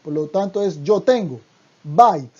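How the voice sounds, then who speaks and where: A Hebrew teacher giving an online language lesson, speaking deliberately and repeating each word twice. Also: medium pitch, dark tone, muffled recording.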